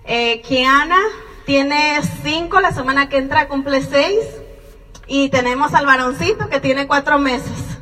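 High-voiced woman speaking in an echoing hall. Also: bright, forceful tone. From Mexico (Jalisco and Colima). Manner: slow, earnest and encouraging, with Mexican expressions. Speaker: speaker giving a testimony. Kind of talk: personal testimony speech. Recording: far from the mic in a reverberant hall.

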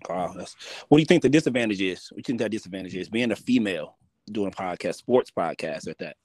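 A man's voice: sits low, lively intonation, darkish tone, dry recording. Male interviewer, upbeat and affirming, dry close sound. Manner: encouraging, affirming, quick questions. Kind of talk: casual interview.

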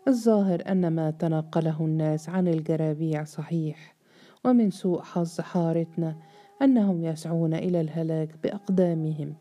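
A woman voicing an older male strongman who speaks in measured, patronizing tones with veiled threats. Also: low voice, warm tone. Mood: menacing.

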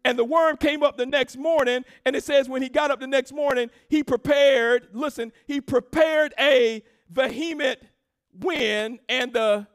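Unhurried yet rousing, this female pastor delivers her sermon with emphatic call-and-response preaching. Her voice drops into quiet asides, then climbs into shouted, sing-song rhythms as she addresses the congregation.

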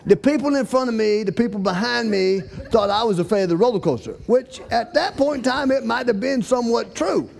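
A man telling a lively story to an audience, acting out scenes. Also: extremely high pitch, brisk, gravelly, few pauses. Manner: folksy Southern-style storytelling, acts out shouts for help.

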